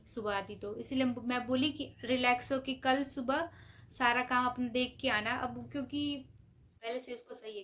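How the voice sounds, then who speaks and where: A woman vlogger talking casually to her viewers from a hospital and later at home, explaining things step by step, hushed late at night. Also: a little high. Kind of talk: casual vlog narration. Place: hospital grounds, then home room.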